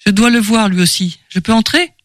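A man voicing a weary, blunt middle-aged ex-husband in an audiobook, hesitant and gruff. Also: high voice, steady tone, a little fast, dry recording, clean studio sound, natural voice.

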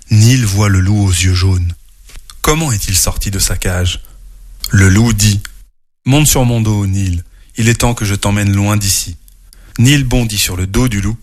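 A man hosting a children's show, teaching English words slowly and telling a storybook tale. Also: fairly low pitch. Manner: slow, clear, spells out words for kids.

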